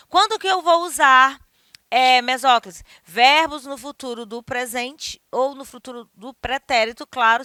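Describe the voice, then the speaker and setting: A woman's voice: fairly high pitch, pushed and bright, clear, resonant tone, no room sound, clean studio sound. A woman teaching a grammar lesson, explaining patiently and checking in with her class often.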